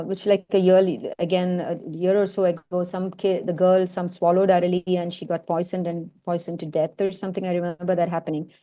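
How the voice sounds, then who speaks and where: In a casual online session, a Malayalam-speaking woman with a mixed Indian-American accent talks about her films, stumbling through fillers and restarts. Her voice is lowish and warm, captured on a lo-fi recording.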